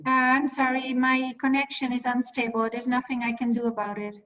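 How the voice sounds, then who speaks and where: A woman's voice: fairly high pitch, level tone, a little fast, a bit bright, recorded from a distance, highs cut off, faint music behind. A woman ambassador giving a formal, hesitant address over an unstable video call that keeps cutting out. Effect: unstable online call connection, cutting in and out. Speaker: ambassador speaking at a webinar.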